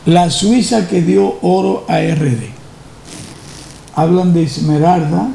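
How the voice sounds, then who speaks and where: A Dominican man runs the sports segment of a talk show. He talks animatedly with a high, gravelly voice and hammers his points by repeating them. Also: slow pace, dark tone, a little hiss or hum. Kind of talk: radio talk show chat.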